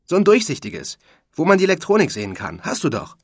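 Storybook figure: gushing teenage boy, high and loud, read by a man. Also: wildly swooping pitch, husky, dry recording, clean studio sound, heavily acted. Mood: excited. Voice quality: breathless, gushing, rushes words. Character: excited chattering teenage boy.

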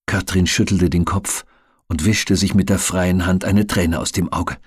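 A man reading a novel aloud as an audiobook narrator, steady and measured. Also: low-pitched, slight background noise.

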